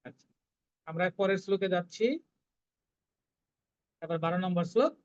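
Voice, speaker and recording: A recitation teacher, explaining pronunciation syllable by syllable and chanting the verses in slow, drawn-out tones. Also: mid-range voice, a little mellow, smooth, highs cut off. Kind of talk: online class teaching Sanskrit verse pronunciation.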